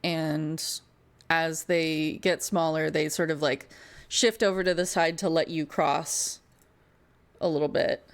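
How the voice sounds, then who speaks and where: A woman running a tabletop fantasy game, narrating descriptively with pauses as game master. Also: low-pitched, fairly even intonation.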